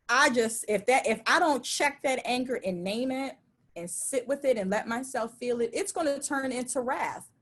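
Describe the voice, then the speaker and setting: A middle-aged woman preaching a sermon in a conversational, emphatic and animated way. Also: a little high, normal speed.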